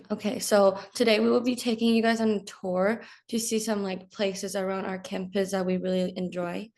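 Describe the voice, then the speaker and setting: A woman's voice: medium pitch, level tone, moderate pace, darkish tone. A young woman from China, a student, casually showing viewers around her school campus with many fillers. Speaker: student tour guide. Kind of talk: informal campus tour narration.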